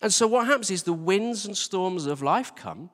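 A British church team leader with a high-set voice preaches informally in a large, very echoey church hall with long reverberation. He addresses the congregation conversationally, pokes fun at himself, and relies on repeated phrases and rhetorical questions, his intonation lively, pace normal, and tone a bit bright.

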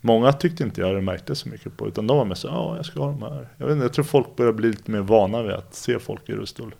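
A man's voice: on the low side, creaky. Laid-back man telling stories. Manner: relaxed, rambling, filler-heavy Swedish slang. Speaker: interview guest. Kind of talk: casual conversational storytelling.

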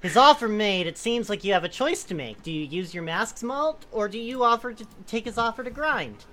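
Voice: medium pitch, lively intonation, fairly quick, pushed and bright. A person reading a comic story aloud to friends, breaking off into casual, amused asides.

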